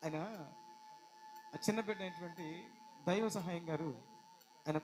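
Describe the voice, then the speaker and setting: A man preaching a sermon, telling a story dramatically, dropping to hushed lines and rising to loud cries. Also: sits high, moderate pace, music in the background, rough recording.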